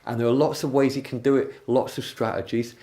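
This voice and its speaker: A man coaching, explaining a technique calmly with examples and stories. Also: medium pitch, brisk. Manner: calm, explanatory, uses anecdotes. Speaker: NLP coach. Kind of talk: instructional talk.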